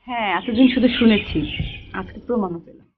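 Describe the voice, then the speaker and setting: Woman, high and animated, gushing excitable delivery, lo-fi. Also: a little fast, background noise. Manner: gushing, excitable, mixes English. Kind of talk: comedy sketch acting.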